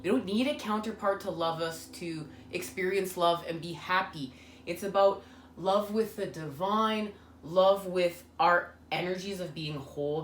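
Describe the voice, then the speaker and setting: Earnest low-voiced woman reading tarot. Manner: earnest, meandering, many "you know" fillers. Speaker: tarot reader. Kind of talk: spiritual tarot reading monologue. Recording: echoey room with faint ambient noise.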